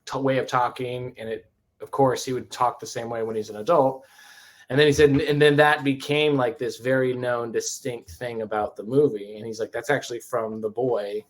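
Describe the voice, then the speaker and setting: A man co-hosting a casual podcast, telling stories in a rambling, animated way with many restarts. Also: mid-range voice, moderate pace. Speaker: podcast co-host. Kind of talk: casual chat.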